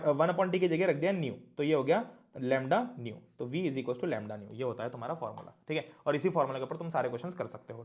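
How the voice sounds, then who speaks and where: Fast-talking, high-voiced male teacher. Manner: chatty, asks students questions. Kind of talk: online class lecture.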